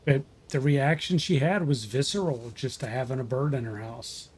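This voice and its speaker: A man's voice: medium pitch, normal speed, a little mellow, slight background noise. Folksy man chatting on a livestream. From Ohio, USA. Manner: folksy storyteller, many fillers and restarts. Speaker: wildlife removal worker. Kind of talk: casual livestream chat.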